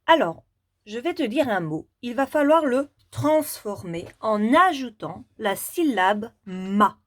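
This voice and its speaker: A woman teacher giving a children's reading lesson, talking slowly and deliberately and repeating syllables clearly. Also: on the high side, very animated.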